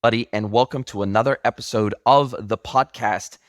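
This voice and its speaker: Effusive and enthusiastic, a man in his forties with a mixed international accent hosts a podcast interview. His voice sits on the low side at a moderate pace, recorded studio-quality with no echo and faint music in the background.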